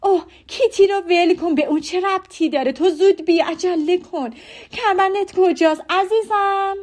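A woman voicing an excitable, fussy middle-aged mother in an audiobook, calling out shrilly and in a rush. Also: fairly high pitch, lightly acted. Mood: impatient.

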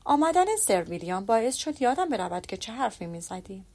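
Stiff formal young gentleman read by a woman, proud and reserved, kinda high-ish voice. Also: very animated. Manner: formal, restrained.

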